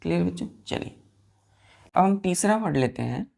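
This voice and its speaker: Low gravelly woman teaching vocabulary. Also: lively intonation, moderate pace, dark tone. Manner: spells words letter by letter and keeps asking children to repeat; mixes Hindi explanations with English words. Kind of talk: classroom-style vocabulary lesson.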